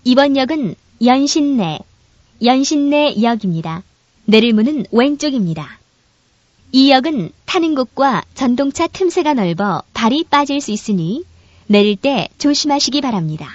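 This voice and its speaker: A woman giving a formal, polite train announcement over an onboard speaker, each stop spoken in measured phrases. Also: sits high, expressive, a little mellow, no echo. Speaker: subway announcer. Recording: dull, dry lo-fi recording.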